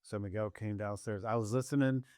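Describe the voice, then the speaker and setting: A man's voice: lowish voice, a little fast, no room sound. Storytelling middle-aged man, dry close sound. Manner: animated storyteller, acts out both sides of a conversation. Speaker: father and podcast co-host. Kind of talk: casual storytelling chat.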